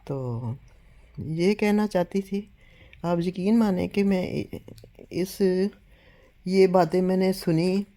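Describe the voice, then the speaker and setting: A woman's voice: fairly low pitch, pauses often, mellow. An older woman telling a story at home to a phone camera, earnest and a little weak from illness, often urging listeners to believe her. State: weak and unwell. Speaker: home vlogger.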